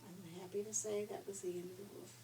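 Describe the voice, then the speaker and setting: Fast and dark in tone, with little pitch movement in her mid-range voice, the older woman spins a conversational, folksy tale for children. A distant microphone picks her up along with faint background noise.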